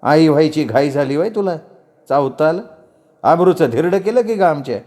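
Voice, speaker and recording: A man's voice: a little high, moderate pace, a little mellow, voice pushed up, close to an everyday voice. A man voicing a middle-aged village aunt who scolds harshly in rustic dialect. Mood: furious scolding.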